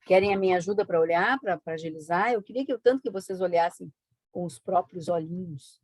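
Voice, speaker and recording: A woman teaching an online exam-prep lesson, brisk and coaxing, with frequent tag questions. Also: on the low side, a little mellow, no echo. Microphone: video call.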